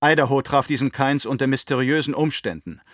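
A man's voice: mid-range voice, steady tone, a little fast, fairly bright tone, dry recording, studio quality, pitched above the performer's own voice, lightly acted. A man voicing a nervous, drugged guard captain who stammers through servile reports in an audiobook reading.

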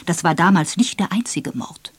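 Major Palgrave, read as a boastful old officer. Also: male voice, on the high side, lively intonation, normal speed, husky, dry recording. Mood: confiding. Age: older. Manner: self-satisfied, gossipy, confiding. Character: Major Palgrave, older man, boastful and gallant. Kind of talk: audiobook character voice.

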